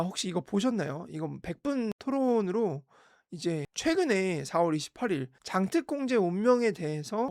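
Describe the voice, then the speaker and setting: A man's voice: high-pitched, no room sound, clean studio sound. A man hosting a real estate channel, giving casual, sarcastic commentary on housing prices and a televised debate. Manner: sarcastic, talks over quoted debate clips.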